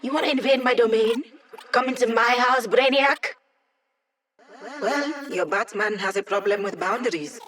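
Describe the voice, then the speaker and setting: An actress playing a brisk, confident young female hacker, giving casual, wry, technical mission support in a video game. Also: mid-range voice, lightly acted. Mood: defiant. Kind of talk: scripted video game voice acting.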